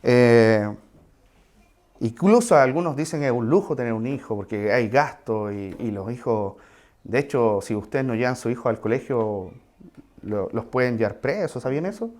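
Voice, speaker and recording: A man delivers a sermon in an easy, conversational tone. He talks to the congregation directly, with asides and quick questions, at a middle pitch. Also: animated, a little mellow. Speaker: preacher.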